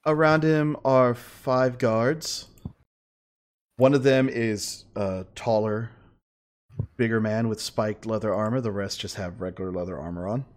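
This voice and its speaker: A man narrating a tabletop game as game master, in a halting, conversational, improvised way. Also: on the low side. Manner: halting, conversational, laughs readily.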